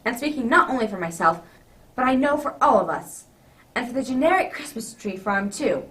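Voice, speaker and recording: Woman playing a genial old doctor, lively and distant. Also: fairly high pitch, a little fast. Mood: warm, festive. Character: genial, contented old doctor Watson, male storyteller by his fireside. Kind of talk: radio drama acting.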